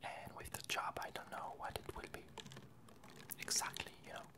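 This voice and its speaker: Whispering in ASMR style, this young Frenchwoman speaks with a French accent. She's an ASMR video creator whose chat is hesitant and full of pauses.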